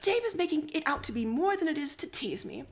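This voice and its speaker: A woman's voice: sits high, big pitch swings, voice pushed up. Woman reading as a composed, formal young woman. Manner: measured, formal phrasing.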